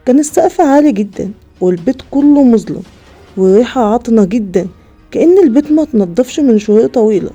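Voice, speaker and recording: Egyptian woman, horror storyteller, quick scripted delivery, slightly high. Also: lively intonation, dark tone, highs cut off. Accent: Egyptian Arabic. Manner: first-person storytelling, dramatic pauses. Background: faint background music.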